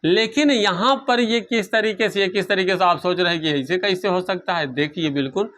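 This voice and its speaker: A man's voice: high voice, normal speed, a bit bright. A man teaching a grammar lesson, asking questions and answering them himself, repeating key terms.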